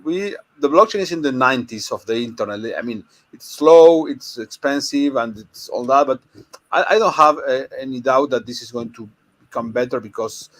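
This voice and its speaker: An Argentine man with an Argentine Spanish accent speaks haltingly as a panelist in an informal discussion, explaining things. His voice is medium-pitched with a fairly bright tone.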